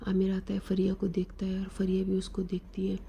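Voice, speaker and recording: Woman narrator, drama recap, dark husky voice, flat delivery. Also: mid-range voice, a little hiss or hum. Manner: retelling plot with fillers.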